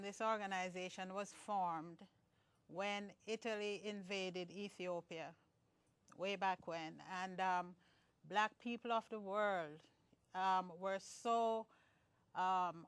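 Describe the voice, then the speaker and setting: A woman's voice: mid-range voice, takes it slowly, clear, resonant tone, no room sound. A Jamaican-born woman, a guest in a conversational interview, explaining earnestly with frequent restarts. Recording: distant mic, dry sound.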